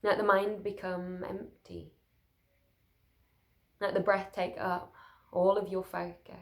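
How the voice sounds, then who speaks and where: A woman leads a guided meditation for sleep, her mid-range voice gentle and soothing with little pitch movement. She speaks in brief, unhurried phrases with pauses between them.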